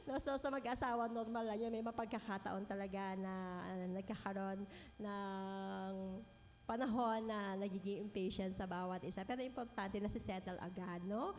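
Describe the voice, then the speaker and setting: A middle-aged woman preaching a sermon in a gentle manner, often adding "no po?" as she speaks. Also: medium pitch, steady tone, normal speed. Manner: gentle, frequent "no po" tag questions, mixes English phrases. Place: church hall. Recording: long hall reverb.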